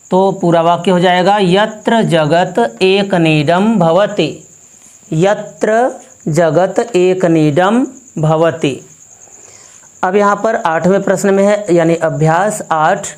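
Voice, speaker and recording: A woman's voice: fairly low pitch, slow, darkish tone. A woman teaching Sanskrit exercises, repeating each answer twice and asking the class what it becomes. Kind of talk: slow classroom explanation.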